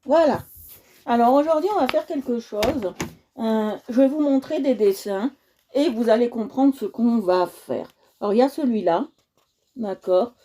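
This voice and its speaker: A woman's voice: fairly high pitch, measured pace, warm tone. A woman hosting a casual coloring livestream, chatty and talking straight to her viewers, often repeating herself.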